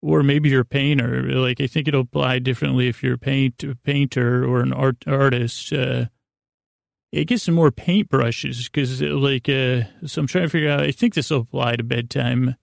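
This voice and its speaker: A man hosts a sleep podcast, wandering through a halting bedtime monologue in a creaky, soothing voice that keeps breaking off mid-thought. His pitch sits in the middle and his intonation stays fairly flat. The studio-quality recording has no echo.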